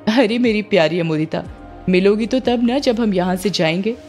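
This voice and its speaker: A woman's voice: mid-range voice, normal speed, darkish tone, faint music behind, natural voice. A woman voicing a scheming middle-aged mother who talks in a sweetly evasive, coaxing way, as in a storybook reading. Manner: coaxing, falsely affectionate.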